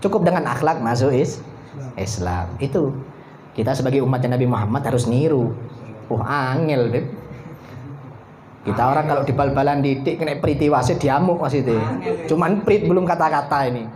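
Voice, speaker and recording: A man preaching a sermon, telling a story with lively acted-out dialogue. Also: mid-range voice, normal speed, pauses often. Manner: animated, acts out the dialogue. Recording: echoey hall with faint noise.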